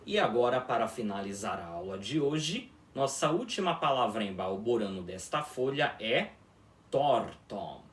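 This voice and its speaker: A man teaching a formal video lesson on an invented language, repeating words slowly and often checking that listeners follow along. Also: mid-range voice, big pitch swings, a bit bright. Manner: slow, repetitive, checks in with listeners constantly. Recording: echoey room, voice from far off.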